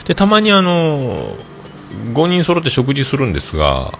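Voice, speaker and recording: A man's voice: a little high, wildly swooping pitch, normal speed, vocal fry, slight background noise. A man, hosting a casual podcast monologue, rambling through stories with many filler sounds. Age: 40s. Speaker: podcast host. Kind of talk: casual podcast monologue reading listener comments.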